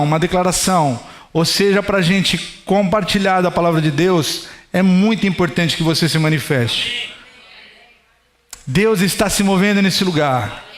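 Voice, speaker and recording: A pastor in his thirties preaches in a high, light voice. He talks to the congregation as if chatting with them, asking them questions along the way. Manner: conversational preaching, addresses the congregation directly. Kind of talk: sermon.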